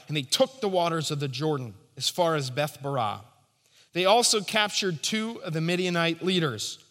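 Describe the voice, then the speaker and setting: A man's voice: on the high side, a bit bright, in a large hall. A man preaching a sermon, emphatic and rising and falling for stress. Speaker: pastor.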